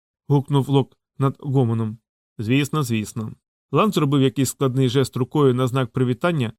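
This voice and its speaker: A male narrator tells a fantasy story in measured, even audiobook style. His voice sits at an ordinary male pitch. The recording is dry and close, with no room sound. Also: no room sound.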